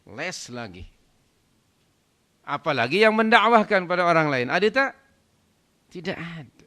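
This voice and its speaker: A man, a religious teacher, giving a lecture to a congregation, asking rhetorical questions and swelling to loud emphatic points, with English words mixed in. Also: fairly high pitch, big pitch swings, a little slow.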